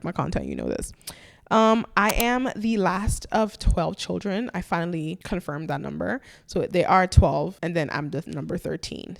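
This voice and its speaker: Playful Nigerian-born woman podcaster, gravelly edge. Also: fairly low pitch, a little mellow. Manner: chatty, playful, self-teasing, quick asides. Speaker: podcast host. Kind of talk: casual solo podcast chat.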